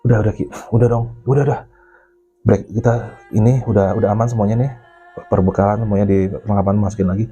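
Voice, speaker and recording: A man with telling a mountain ghost story in casual chat, animated and swearing, acting out the voices of the people in it. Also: lowish voice, fast talker, dull audio, faint music behind. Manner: animated, acts out his own and others' quoted lines; swears casually, keeps addressing the listener as Bang.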